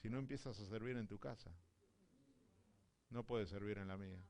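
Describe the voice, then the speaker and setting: A man from Argentina with an Argentine accent preaching a sermon, telling stories and acting out dialogue, swinging from hushed to loud. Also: on the low side, normal speed, gravelly. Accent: Argentine Spanish. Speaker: visiting apostle preaching.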